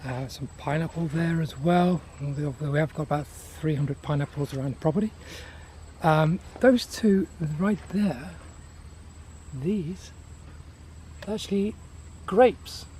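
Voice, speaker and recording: A man giving a casual, unscripted garden tour outdoors, listing things in an unhurried, appreciative way. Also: fairly high pitch, a little mellow. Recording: outdoor ambient noise.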